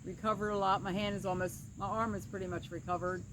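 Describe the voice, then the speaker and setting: Beside a creek, with insects and woodland sounds clearly audible, a middle-aged woman who is a pastoral counselor records an earnest, casual vlog on a camera a short distance away. She talks fast in a mid-range voice with little pitch movement, her words slightly slurred as if half her mouth were numb.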